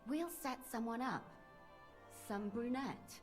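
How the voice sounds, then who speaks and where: Bold eager woman conspirator, fairly high voice, decisive, game dialogue, faint music. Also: takes it slowly. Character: bold, eager female conspirator volunteering as bait. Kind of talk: conversational video game dialogue.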